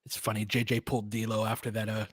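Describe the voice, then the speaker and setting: With a lowish, slightly rough voice, he rattles off fast, clipped basketball play-by-play, rooting openly for his side and getting worked up on big moments. There's no room sound.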